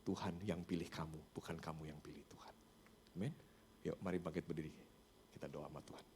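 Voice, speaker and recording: A man's voice: a bass voice, steady tone, a little fast, background noise. A man preaching a sermon, telling a story and acting out its dialogue while he keeps addressing the congregation. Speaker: pastor. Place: church sanctuary.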